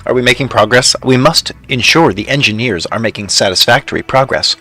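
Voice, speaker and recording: A man's voice: mid-range voice, fairly quick, sharp tone, soft background music. A young man from Canada streaming a factory game, chatting casually with his viewers and laughing often. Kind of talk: casual live stream chat.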